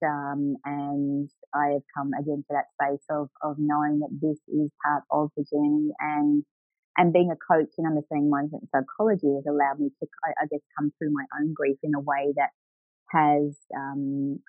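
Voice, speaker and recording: A woman's voice: sits low, dry recording. A dull, band-limited recording of a middle-aged woman being interviewed as a coach. She speaks in an earnest, reflective way about her own experience. The sound is dry, with faint music behind. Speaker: guest, grief recovery coach. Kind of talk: personal storytelling in an interview.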